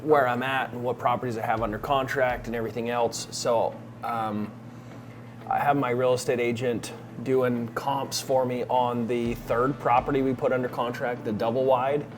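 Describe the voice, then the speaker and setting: Male vlogger, informal and conversational, mid-pitched voice, addressing viewers as a coach, faint music behind. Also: little pitch movement, normal speed, slight background noise. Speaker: vlogger and real estate investing coach. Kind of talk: casual day-in-the-life vlog talk.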